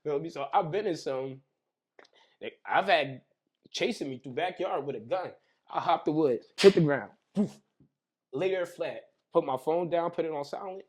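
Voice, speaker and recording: A man's voice: fairly high pitch, normal speed, noisy background. Young man telling wild stories, slang-heavy. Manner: animated storyteller, heavy slang, acts out scenes with sound effects. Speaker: podcast guest. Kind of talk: casual conversation over drinks.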